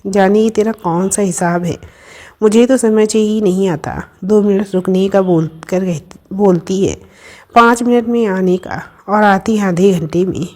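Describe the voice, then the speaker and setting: A woman's voice: medium pitch, fairly even intonation, unhurried, mellow, lightly acted. A woman voicing a bold, teasing young woman who fusses over her friend. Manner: teasing, bossy and affectionate.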